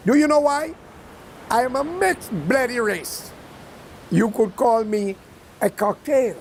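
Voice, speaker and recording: A man's voice: very high voice, slow pace, slight background noise. A man with a Guyanese accent gives a blunt, heated and profane political commentary monologue while seated. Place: seated indoors.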